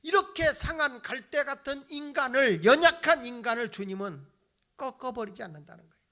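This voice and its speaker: A middle-aged man preaching a Sunday sermon as pastor, animated, acting out people's excuses and swinging from loud emphasis to near-whisper. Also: very high voice, normal speed.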